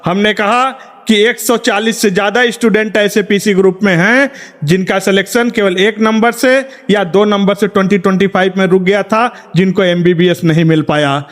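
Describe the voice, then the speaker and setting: A man's voice: sits high, steady tone, moderate pace, fairly bright tone. A middle-aged male chemistry teacher giving a rousing, scolding coaching talk to exam students, full of rhetorical questions. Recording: long reverberant room echo.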